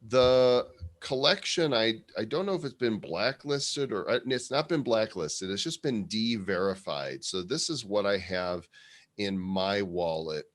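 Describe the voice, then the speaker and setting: Low-voiced man co-hosting a casual show. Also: animated, measured pace. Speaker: co-host of a show about NFT art. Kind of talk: casual live show chat.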